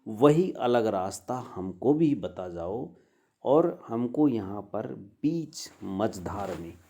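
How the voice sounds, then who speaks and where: A man with a Rajasthani Hindi accent giving a lecture on devotional poetry, reciting verses slowly and then explaining them line by line. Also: lowish voice, warm tone. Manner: slow, measured, chants verses then explains.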